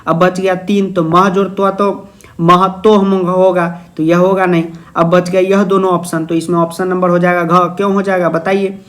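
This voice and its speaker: A young male tutor works through a Sanskrit exam paper. His voice sits notably high, and his manner is playful and teasing. He keeps asking questions and then answering them as if he were a student. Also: flat delivery, moderate pace, a bit bright. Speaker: Sanskrit teacher. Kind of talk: exam-prep video lesson.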